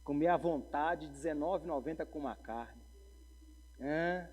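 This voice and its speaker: A pastor, preaching a sermon full of humorous stories and calls to the congregation. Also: male voice, fairly high pitch, a little slow, darkish tone, soft background music. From Brazil. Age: 40s. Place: church sanctuary. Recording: long church hall reverb.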